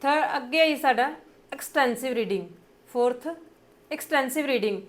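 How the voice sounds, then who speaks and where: A young woman, Punjabi-accented and with a voice that sits high, is teaching exam preparation. She goes through things patiently with plenty of fillers and reads the English points slowly.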